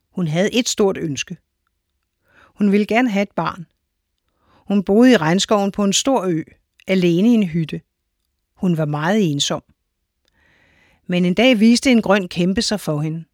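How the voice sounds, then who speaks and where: A woman reading a children's story aloud in a clear, measured storytelling manner. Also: mid-range voice, dry recording, clean studio sound. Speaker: narrator.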